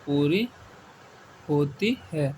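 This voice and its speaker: A man teaching the stopping rules of Quran reading, who asks his students questions and answers them himself, repeating key words slowly. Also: fairly high pitch, a little mellow. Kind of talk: step-by-step classroom explanation. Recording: faint background noise.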